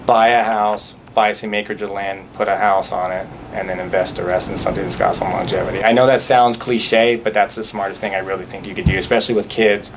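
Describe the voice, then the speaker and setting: Male interview guest, low voice, talks fast, earnest and thoughtful answers. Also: fairly even intonation, background noise. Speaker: fighter guest.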